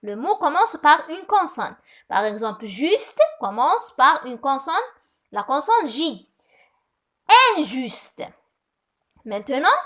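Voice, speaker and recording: High lively woman teaching children. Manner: patient, slow and deliberate, calls pupils "my little ones". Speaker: primary school French teacher. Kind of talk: recorded lesson for children.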